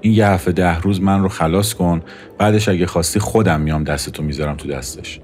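A man reading the part of a cool, sardonic young woman who runs card games, speaking dryly and quietly mocking, over faint music. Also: low-pitched, lightly acted. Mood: dry, matter-of-fact. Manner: dry, quietly mocking, matter-of-fact.

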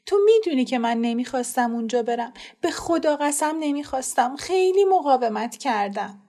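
A woman's voice: high-pitched, lively intonation, dark tone, pitched above the performer's own voice. A woman reading aloud who voices a frightened, ashamed teenage girl who speaks tearfully and pleads.

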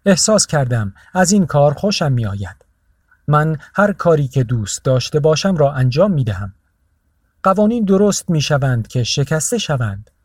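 A man's voice: on the high side, sing-song, a little mellow, no room sound, studio quality. A man voicing a stubborn, carefree male artist in an audiobook. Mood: defiant.

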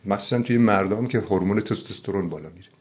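Fervent low-voiced man on phone line. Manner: fervent, preachy, slows down for emphasis. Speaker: doctor giving advice on a phone call. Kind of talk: phone consultation, earnest advice.

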